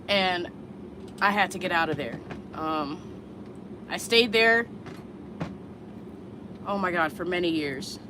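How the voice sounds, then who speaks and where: On a casual livestream, a vlogger in her thirties from the Chicago area talks with viewers bluntly and candidly, cursing freely. Her voice is on the low side, slow-paced with long pauses, and there's background noise.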